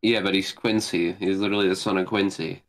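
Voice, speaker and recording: Fast-talking teasing man. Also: sits low, steady tone. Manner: teasing, repeating the same joke. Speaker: friend on a game stream. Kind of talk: casual chat on a game stream.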